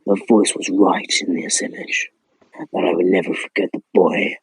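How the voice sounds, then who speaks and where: Gravelly man telling a playful spooky story. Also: deep voice, flat delivery, normal speed, no echo, poor audio. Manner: sweary, irreverent. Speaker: host reading a spooky story. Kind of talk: scripted horror narration broken by casual joking asides.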